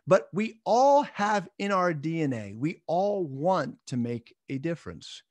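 A man in his thirties with a fairly high voice gives an earnest, encouraging Bible lesson on webcam. The sound is dry and close, with no room around him. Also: big pitch swings, measured pace, dry recording. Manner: earnest, encouraging, jokes at his own slips. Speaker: church minister. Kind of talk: recorded midweek Bible lesson.

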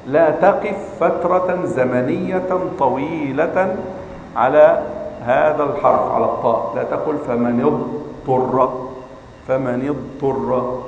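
A man's voice: medium pitch, darkish tone, slight background noise. Guy teaching quran recitation, stretches out words to show how they sound, keeps asking the class if they got it, echoey hall, kinda dull muffled audio. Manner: checks in with students with rhetorical questions; chants words slowly to demonstrate recitation. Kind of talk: classroom lecture.

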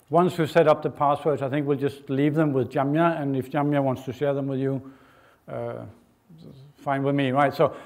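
Man, middle-aged, lecturing, fairly high voice, stop-start phrasing. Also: a little mellow. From Denmark. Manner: hesitant, many fillers and restarts, informal. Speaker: guest lecturer. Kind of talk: university lecture. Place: lecture hall, indoors.

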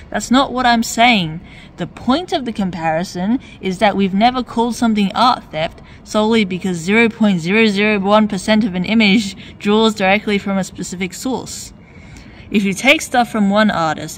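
A woman delivering a point-by-point rebuttal in a wry, needling way, stacking up rhetorical questions. Her voice sits at an ordinary middle pitch and is mostly plain, rising in emphasis on her key points. A faint hiss of noise runs under the recording. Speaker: video essayist. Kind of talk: argumentative commentary.

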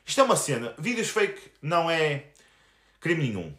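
A YouTuber in his twenties with a European Portuguese accent rants angrily and crudely on a live stream, confrontational throughout. His fairly high, slightly bright voice swings widely in pitch at normal speed, with roomy echo in the recording.

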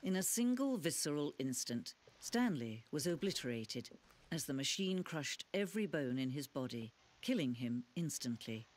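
A voice actor playing a calm, reflective game narrator who asks questions. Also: medium pitch, moderate pace.

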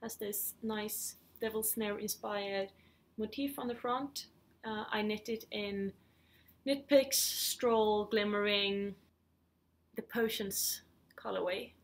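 In a relaxed knitting vlog chat, a woman from Sweden in her thirties speaks slowly in a mid-range voice with fairly even intonation. She hosts the podcast indoors in her living room, her Swedish accent clear and her manner a little hesitant.

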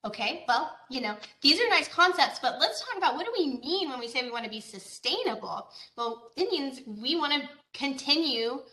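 Over a video call, a Georgia-born agricultural educator presents conversationally, using fillers and rhetorical questions. She speaks in a high, sharp, animated voice at a moderate pace with hardly any pauses, and the sound is roomy.

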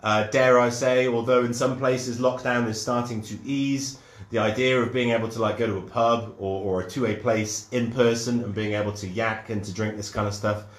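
His medium-pitched voice stays fairly even and moves at a moderate pace, echoing in the room. The UK host runs a chatty live-streamed cider tasting, welcoming viewers with plenty of enthusiasm, ums and false starts.

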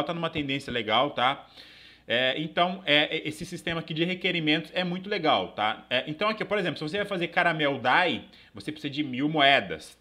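A man's voice: a little high, pushed and bright. A young Brazilian man with a Brazilian Portuguese accent hosting a casual live screen-share tutorial, talking loosely with many fillers and tag questions, recorded at his desk in a small room. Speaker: crypto channel host.

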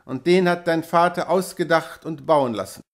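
A man reading an audiobook, playing a calm father who talks gently and reassuringly. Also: a little high, normal speed, natural voice. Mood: earnest. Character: calm, earnest grown father on horseback.

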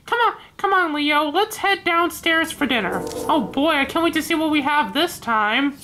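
A voice actor doing every role in a fan-made animated family video, switching between kid, parent and friend parts. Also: high voice, normal speed, slight background noise. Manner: acts several family roles with the same voice.

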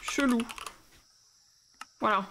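Excited young woman streaming a game. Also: drawn-out words, slight background noise. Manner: excited, chatty, talks to her pets and chat. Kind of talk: casual Minecraft livestream commentary.

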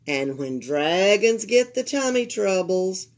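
With a slightly raspy, medium-pitched voice and a sing-song lilt, an older woman reads a children's picture book at a library table. She's from Alabama, speaks with a Southern US accent, and pauses expressively to address the young audience as the library's storyteller.

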